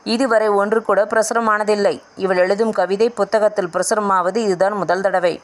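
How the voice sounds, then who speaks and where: A woman's voice: mid-range voice, fairly even intonation, normal speed. A woman reading a family novel aloud as an audiobook narrator, voicing the dialogue in her own voice.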